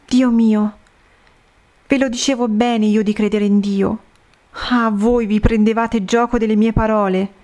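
A woman voicing a pious female seer who grieves and pleads, in a slow, solemn reading of a religious story. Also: on the high side, fairly even intonation, darkish tone, close to an everyday voice. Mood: pleading.

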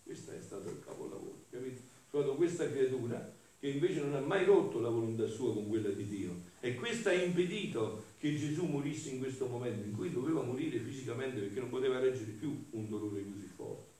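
A man, a friar, giving an earnest homily that swings between fervent reading and hushed asides. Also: medium pitch, animated, brisk. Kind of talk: sermon. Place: large church. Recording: very echoey church, from far off.

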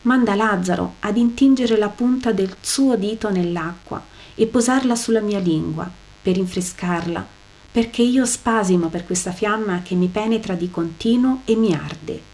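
A woman's voice: mid-range voice, moderate pace, a little mellow, natural voice. Woman voicing a weeping damned rich man. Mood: pleading. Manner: weeping, desperate pleading. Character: tormented damned rich man begging from hell.

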